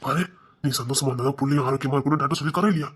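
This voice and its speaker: An actor playing a caring father who soothes and coaxes his crying daughter in a TV serial, repeating himself gently. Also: medium pitch, fairly even intonation, very fast, breathy edge. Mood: soothing. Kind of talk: TV serial drama.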